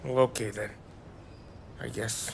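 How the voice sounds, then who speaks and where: A man's voice: fairly low pitch, fairly even intonation, a little slow, gravelly, heavy background noise. An actor playing a silly drunk man at a racetrack in a video game, slurred and swooping. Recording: loud game audio underneath.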